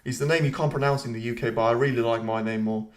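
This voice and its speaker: A man's voice: mid-range voice, steady tone, quick pace. A man hosting a live stream, giving casual commentary and reading viewer comments aloud, with rambling, self-deprecating asides. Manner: chatty, reads viewer comments aloud and answers them.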